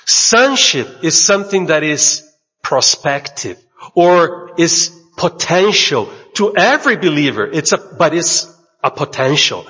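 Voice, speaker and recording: A man whose first language is Portuguese preaches in a large, echoing hall, delivering a sermon in short, measured phrases and pausing for his interpreter. His voice is a little high, bright and pushed, with a breathy edge and big pitch swings. The recording sounds dull.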